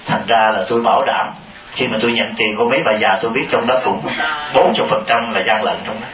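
A man giving a Buddhist Dharma talk to a congregation, lively and teasing, often asking the listeners questions. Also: lowish voice, quick pace. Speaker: Buddhist monk. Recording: dull, echoey hall audio from a distance with noise.

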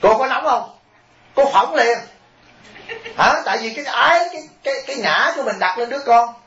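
A man, a Buddhist monk, telling stories in a lively sermon and asking his listeners questions directly. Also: very high voice, a little fast. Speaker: Buddhist monk giving a dharma talk. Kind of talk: storytelling sermon. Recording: roomy, dull lo-fi recording with faint hiss.

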